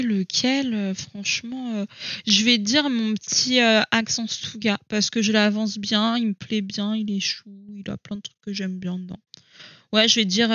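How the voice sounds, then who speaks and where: A woman's voice: mid-range voice, fairly bright tone, no echo, lo-fi sound. A woman chatting casually to camera at home about her coloring books, thinking aloud and hesitating with many fillers. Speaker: coloring hobby vlogger.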